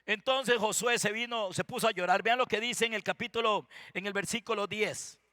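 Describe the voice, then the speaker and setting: Fervent Costa Rican pastor, male, very high and bright, presses the congregation with questions. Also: steady tone, normal speed, dry recording, studio quality. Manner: fervent, keeps calling out to the congregation; rhetorical questions to the listeners. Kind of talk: sermon.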